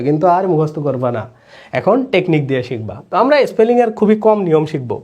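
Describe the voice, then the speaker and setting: Young male tutor with a slightly high voice; lectures online and keeps quizzing the class. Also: a little mellow. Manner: explains step by step, asks the class questions. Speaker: English teacher for admission exams.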